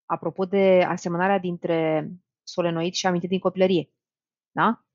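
A woman's voice: fairly low pitch, no echo, highs cut off. A woman teaching an exam-prep language lesson, talking straight to her students and thinking aloud as she works through answers. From Romania. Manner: lively, talks to students directly, thinks aloud.

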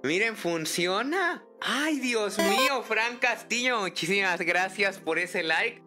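A man streaming a game live, chatty and excitable, thinking aloud and greeting viewers in the chat by name. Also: high-pitched, slow pace, music in the background. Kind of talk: casual live-stream chat while gaming.

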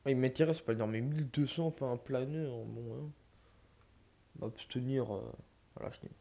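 A young man with a French accent talks through a game's item shop in a loose, slangy, rambling way, chatting to viewers as if they were mates. His voice is dark and mellow, sitting in an ordinary middle pitch. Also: moderate pace, creaky. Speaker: gaming YouTuber. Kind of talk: casual gameplay commentary.

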